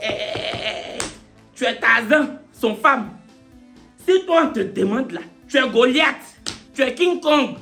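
A man giving animated, teasing commentary, with dramatic shouted interjections. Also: very high-pitched. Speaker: online commentator.

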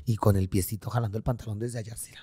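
A man's voice: on the low side, steady tone, racing, mellow. A man with a Mexican Spanish accent hosting a podcast, telling stories in campy, playfully crude casual chat. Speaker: podcast host.

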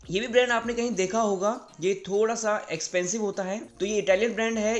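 A young man with an Indian accent and a fairly high voice teaches a casual video lesson. He says each word slowly and asks "right?" again and again. Faint music plays behind him. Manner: repeats words slowly, often asks "right?". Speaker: English teacher.

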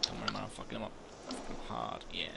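A man in casual gaming commentary with loud, frustrated outbursts and constant swearing. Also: fairly low pitch, big pitch swings, rapid-fire, vocal fry. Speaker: gamer. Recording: noisy mic with keyboard clicks.

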